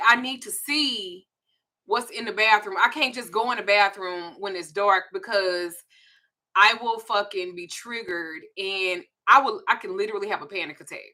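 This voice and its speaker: A woman in her forties with a Southern US accent hosts a casual chat that is candid, profane and confiding. Her voice is medium-pitched with a sharp tone.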